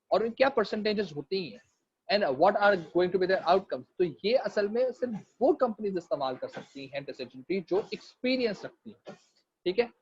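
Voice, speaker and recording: A man's voice: a little high, lo-fi sound, a little hiss or hum. A man from Pakistan with a Karachi Urdu accent, lecturing an online class in a chatty, joking way. He mixes English into his Urdu and keeps dropping fillers. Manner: repeats fillers. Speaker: teacher.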